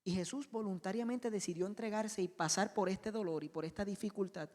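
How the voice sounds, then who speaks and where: A male pastor preaching a sermon with passion, swinging between loud emphasis and soft asides. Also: sits high, brisk, long reverb tail. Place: church auditorium.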